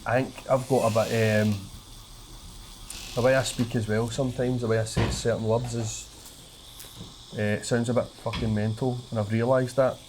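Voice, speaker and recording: A Glaswegian stand-up comedian from Scotland, his accent thick and broad, chats casually on a podcast in a mid-range, flat voice at normal speed with long pauses. He speaks colloquially in broad Scots, swears some and stutters slightly now and then, against background noise.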